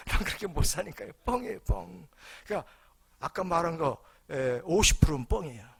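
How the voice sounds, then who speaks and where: Older male senior pastor, husky and gravelly, preaching with humor and rhetorical questions. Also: on the high side, expressive, normal speed, dry recording. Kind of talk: sermon.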